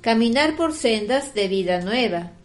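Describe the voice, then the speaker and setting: A woman giving the responses in a liturgical prayer, solemn, measured and devotional. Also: fairly high pitch, lively intonation.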